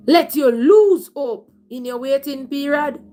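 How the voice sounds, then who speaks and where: A woman's voice: sits high, animated, a little slow, mellow, soft background music. A woman with a Jamaican accent preaching in a conversational livestream sermon, emphatic and repetitive, slipping into Patois as she tells the story. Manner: emphatic, repeats phrases, slips into Patois.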